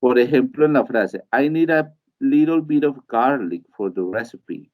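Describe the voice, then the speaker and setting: A man's voice: medium pitch, expressive, unhurried, narrow, tinny audio. A male teacher gives a live online lesson. He explains step by step and keeps checking in with his students. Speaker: English teacher.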